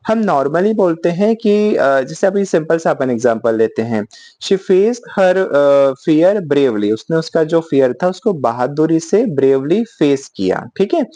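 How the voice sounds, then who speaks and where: A man teaching English vocabulary in Hindi, explaining patiently, checking in often and reading English example sentences slowly. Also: on the high side, lively intonation, mellow, no echo. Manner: explains slowly, often asks "ठीक है?", fillers. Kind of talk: spoken Hindi lesson mixing English.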